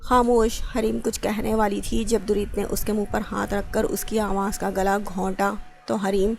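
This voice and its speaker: Flat, gravelly woman reading a novel. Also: mid-range voice, soft background music. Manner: reads dialogue of both characters with little change of voice. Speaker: narrator reading an Urdu romance novel.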